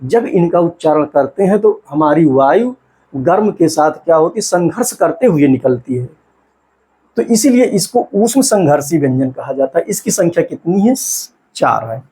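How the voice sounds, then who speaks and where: A man teaching an exam-prep lesson, asking questions and answering them himself, and sounding out syllables slowly. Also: a little high, big pitch swings, mellow, slightly rough.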